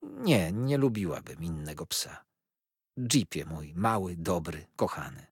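A man's voice: low-pitched, huge pitch swings, unhurried, breathy edge, no echo, clean studio sound, full character voice. A man voicing a young, sickly wife who speaks tenderly and coaxingly, like a spoiled child.

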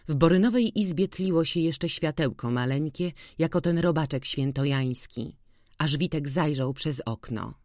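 An audiobook narrator reading a classic literary novel in a measured, even manner. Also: mid-range voice, no room sound, clean studio sound.

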